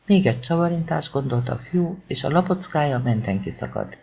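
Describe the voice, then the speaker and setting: Gravelly guy reading a thriller audiobook, kinda high voice, dull lo-fi sound. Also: expressive. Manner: tense, acts out shouted lines of the characters. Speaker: audiobook narrator. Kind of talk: dramatic audiobook narration.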